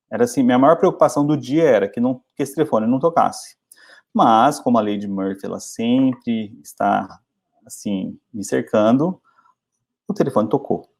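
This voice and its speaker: Lively storyteller man, mellow voice. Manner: chatty, animated storytelling with lively pitch jumps. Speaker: English teacher. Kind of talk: storytelling English lesson.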